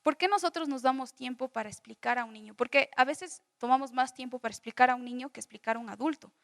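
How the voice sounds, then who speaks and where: A woman's voice: high voice, fast talker, gravelly, fairly bright tone, no room sound, studio quality. A young woman from Bolivia teaching a Bible study class, explaining with homely examples, often restarting and repeating phrases. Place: church school classroom.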